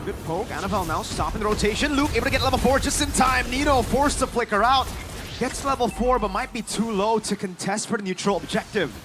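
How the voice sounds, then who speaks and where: A man with a very high voice commentates live as an esports play-by-play caster. His calls are excitable and dramatic, over clearly audible music. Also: fast talker.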